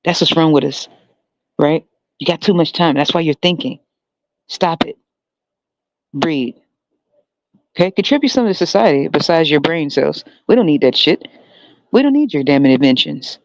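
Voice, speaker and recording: A man's voice: fairly high pitch, lively intonation, normal speed, vocal fry, long pauses, no room sound. A man hosting a solo podcast, talking in a heavily sarcastic, mocking way and often laughing. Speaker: podcast host. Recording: dull lo-fi dry recording.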